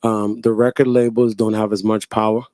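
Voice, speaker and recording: Low-voiced Bahamian man. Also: normal speed, dry recording, studio quality. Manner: steady, explanatory business talk. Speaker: artist management guest. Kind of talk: interview answers.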